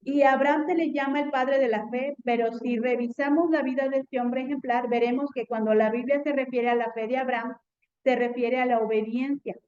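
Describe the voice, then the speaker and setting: A woman's voice: high voice, steady tone, a little fast, a little mellow, clear, resonant tone, highs cut off. A woman teaching a Bible class in an earnest tone, often checking in with her students.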